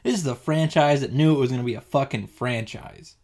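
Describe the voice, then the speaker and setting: Over game music, a male video game reaction host reads visual novel text aloud and throws in informal, sweary commentary. His medium-pitched voice has a darkish tone and moves a little fast.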